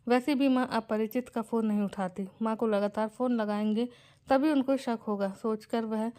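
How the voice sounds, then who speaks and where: A woman narrating an emotional family moral story in a gentle, scripted way. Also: a little high, steady tone, normal speed, smooth.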